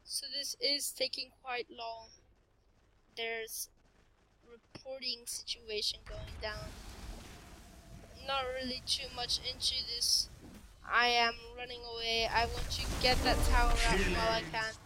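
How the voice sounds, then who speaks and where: A woman's voice: fairly high pitch, little pitch movement, unhurried, background noise. A woman casually narrating her own match, giving chatty play-by-play of the game. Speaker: gameplay commentator.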